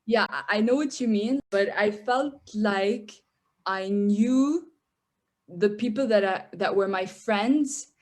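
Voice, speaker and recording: Speaking slowly in a mid-range, slightly mellow voice, a young Arabic-speaking woman from Syria appears as a podcast guest. Her manner is tentative, with frequent repeated words.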